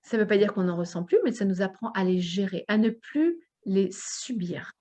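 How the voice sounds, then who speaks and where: A woman's voice: mid-range voice, lively intonation, normal speed, warm tone. A woman coach leading a group session, talking expressively and acting out her inner voice. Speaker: personal development coach.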